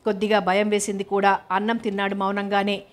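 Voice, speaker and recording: Woman reading a novel out loud, steady and measured, pretty monotone, mid pitch. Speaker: audiobook narrator. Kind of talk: scripted novel narration.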